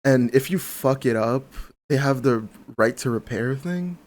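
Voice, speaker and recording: A young man chatting casually on a podcast, talking fast and enthusiastically about tech and swearing freely. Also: mid-range voice, darkish tone. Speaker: podcast guest. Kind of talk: casual chat.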